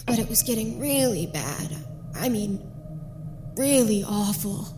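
A woman's voice: medium pitch, expressive, unhurried, music in the background, natural voice. A woman playing an anxious, loyal character in an audio drama, in naturalistic dialogue. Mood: worried, confiding.

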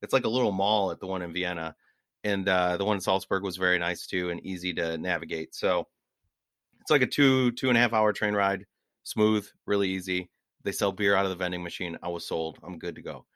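A man's voice: low-pitched, fairly quick, a bit bright, smooth, dry recording, studio quality. A man co-hosting a podcast, telling rambling travel stories in casual chat and laughing at his own anecdotes. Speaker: podcast co-host.

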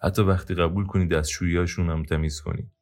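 A man's voice: low-pitched, darkish tone, soft background music, pitched above the performer's own voice. A man voicing a resentful male ex-drummer who talks in an angry, sarcastic, complaining way. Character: bitter resentful male ex-drummer, middle-aged.

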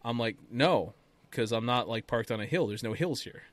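A man chatting casually on a podcast call, telling an animated story and laughing as he talks. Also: mid-range voice, normal speed, dry recording. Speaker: podcast co-host. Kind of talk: casual chat.

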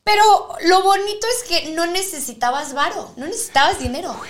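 High-voiced Mexican woman chatting. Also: expressive, a little fast, a bit bright, slight background noise. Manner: chatty, candid, laughs often. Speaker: podcast co-host. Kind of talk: casual chat.

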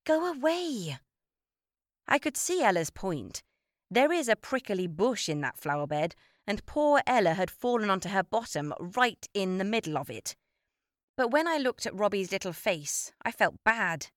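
A woman narrating a children's story with an expressive read-aloud manner. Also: medium pitch, normal speed, no echo, clean studio sound. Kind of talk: storybook reading.

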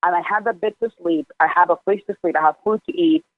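A man's voice: high-pitched, very animated, quick pace, gravelly, no room sound, faint music behind. Man from Jordan on a tinny phone line. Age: 20s. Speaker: guest. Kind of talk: casual interview.

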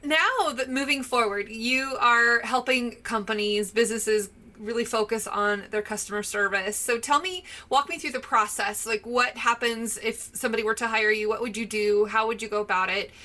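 Bright, chatty woman interviewer. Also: fairly high pitch, steady tone, moderate pace, few pauses. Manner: chatty, upbeat, asks long rambling questions. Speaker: interviewer, host. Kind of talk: casual interview questions.

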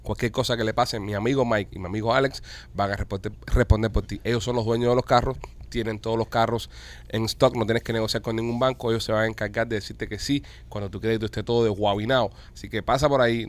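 A man's voice: lowish voice, fairly even intonation, fast talker. A man, hosting a casual talk show and reading ads in a brash, joking salesman way. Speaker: podcast host. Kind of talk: casual chat with live ad reads.

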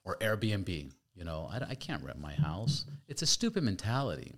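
Deep-voiced man swearing through rambling stories. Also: normal speed. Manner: animated, profane, rambling anecdotes. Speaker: podcast host. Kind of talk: casual storytelling chat.

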